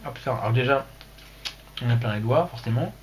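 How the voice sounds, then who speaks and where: A man's voice: mid-range voice, animated, fairly quick, slight background noise. A man hosting a casual livestream, rambling and joking crudely, talking into a computer mic. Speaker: livestream host.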